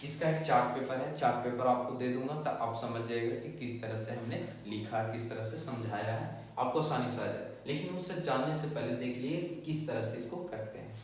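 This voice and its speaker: A Japanese teacher with a medium-pitched voice gives a step-by-step whiteboard lesson, repetitively drilling syllables and checking in with his listeners. He sounds far from the mic in an echoey room, with faint background noise.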